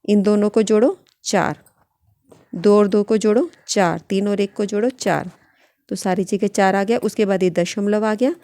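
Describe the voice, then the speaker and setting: Woman math teacher, patient classroom manner, warm mellow tone, dry close recording. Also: mid-range voice, dry recording. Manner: patient, repeats "ठीक है" often, slows to read out numbers. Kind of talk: worksheet lesson, counting steps aloud.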